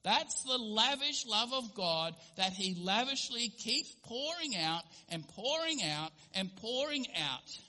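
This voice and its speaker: A man's voice: very high voice, very animated, slow pace, hardly any pauses, bright, forceful tone. A male pastor giving an earnest sermon, sometimes acting out little everyday scenes in different voices. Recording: long hall reverb.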